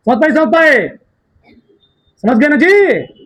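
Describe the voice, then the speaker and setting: A man teaching a class in a strikingly high voice with a sharp, bright edge. He dictates notes word by word, repeating key terms, and keeps quizzing his students to check they follow. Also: sing-song, takes it slowly, poor audio.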